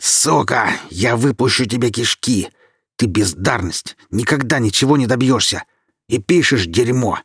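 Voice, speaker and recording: A man voicing a young male killer sinking in quicksand, shouting and begging in a husky voice. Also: sits high, sing-song, dry recording, studio quality, pitched above the performer's own voice, heavily acted. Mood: furious. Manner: shouting, begging, then whimpering like a child. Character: young man, trapped killer, panicking and vicious.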